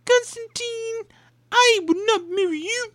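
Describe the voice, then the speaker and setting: A man doing a high, haughty pig diva. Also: measured pace, a bit bright, dry recording, studio quality. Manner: high falsetto, drawn out.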